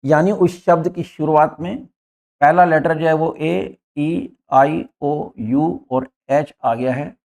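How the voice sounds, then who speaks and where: Guy teaching grammar off a board, kinda high voice with a gravelly edge, drills each point over and over. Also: steady tone, takes it slowly, darkish tone. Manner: repetitive, step-by-step drilling, addresses viewers as friends; points at words on a board as he explains. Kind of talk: explanatory lesson.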